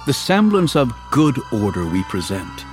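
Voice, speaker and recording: An actor playing an earnest, exasperated young hero in Shakespearean verse, declaimed like a hammy stage performer. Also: male voice, medium pitch, sing-song, unhurried, over music. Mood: lamenting, dramatic. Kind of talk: dramatic Shakespearean verse reading.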